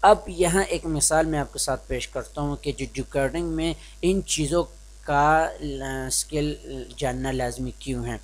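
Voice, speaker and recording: A young man from Pakistan giving an informal spoken lesson on reading skills, hesitant and restarting often, slipping into English phrases. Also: fairly high pitch. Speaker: teacher explaining reading skills.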